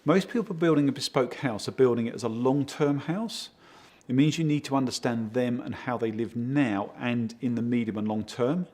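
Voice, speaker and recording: Man, husky, mid pitch, interview answers, steady and explanatory. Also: normal speed. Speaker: project consultant for a home design firm.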